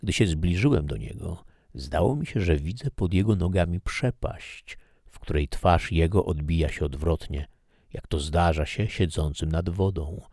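A man narrating an audiobook in a measured, even reading. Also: sits low, gravelly, no room sound, studio quality.

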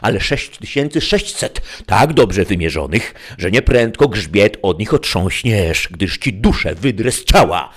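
A man's voice: lowish voice, very animated, unhurried, hardly any pauses, husky, pitched above the performer's own voice, full character voice. A man doing a furious, grandiose old knight. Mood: furious threatening. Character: hot-tempered knight, grandiose older man.

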